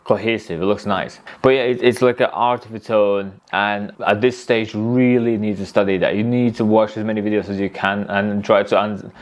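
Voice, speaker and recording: A man's voice: fairly low pitch, steady tone, normal speed. A man teaching tattooing in a casual, rambling way, often restarting his sentences. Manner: rambling, restarts often, acts out client talk. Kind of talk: casual spoken lesson.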